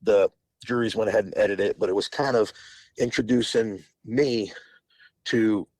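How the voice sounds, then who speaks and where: On the low side and a little mellow, this man's voice moves at normal speed, recorded with no room sound. In his forties, he guests on a podcast, rambling through long stories, restarting often and laughing between phrases.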